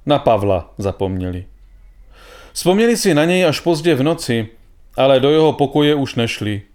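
A man narrating a story in a calm, measured reading voice. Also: medium pitch.

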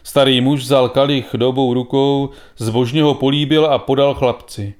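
Man reading a story calmly. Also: mid-range voice. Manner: calm, measured storytelling. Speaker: narrator.

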